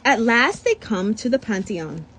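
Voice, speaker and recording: A woman reads a children's picture book aloud in an animated way, sometimes stumbling over words and slipping in her own comments. Her voice is on the high side and unhurried, with slight background noise.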